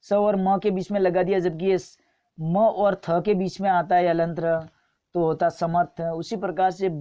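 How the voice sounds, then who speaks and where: A woman's voice: on the low side, mellow, lo-fi sound. A woman teaching a spelling lesson for exam students, patiently repeating each wrong and right form. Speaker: Hindi grammar teacher.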